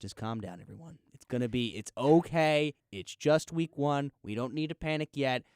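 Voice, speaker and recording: A man hosting a casual sports radio show from a studio, telling listeners to calm down in an easygoing way. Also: mid-range voice, normal speed, clean tone, dry recording. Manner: laid-back, urging everyone to calm down. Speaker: radio sports talk host. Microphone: studio microphone.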